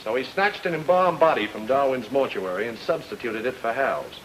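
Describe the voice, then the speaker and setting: A man with an animated, natural mid-range voice at normal speed plays a hard-boiled, sardonic private detective in an old-time radio noir drama. He explains things in a wry, clipped way and sounds confident. The old radio recording is noisy.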